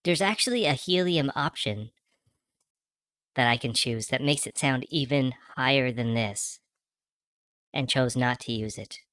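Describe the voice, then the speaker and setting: A man whose voice runs through a pitch-shifting voice changer that turns it into a high, chipmunk-like voice, chatting casually as a streamer co-host. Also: unhurried, long pauses, fairly bright tone, no room sound, studio quality. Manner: chatty, thanks viewers, giggly. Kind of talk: casual chat while playing a game.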